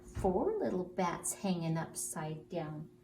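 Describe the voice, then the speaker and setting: A woman telling stories to young children in an animated story-time style. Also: lowish voice, slow. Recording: roomy, distant mic, faint noise.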